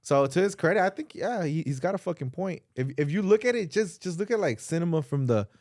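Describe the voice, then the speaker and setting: A man's voice: fairly high pitch, lively intonation, fast talker, darkish tone, dry recording, studio quality. A man in a casual, opinionated podcast chat, earnestly arguing his point with slang and swearing. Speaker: podcast host.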